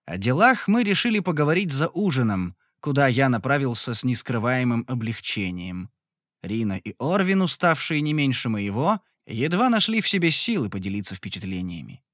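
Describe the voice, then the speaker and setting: A man narrating a fantasy audiobook in the first person with a lively, expressive reading. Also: mid-range voice, normal speed, no echo, clean studio sound.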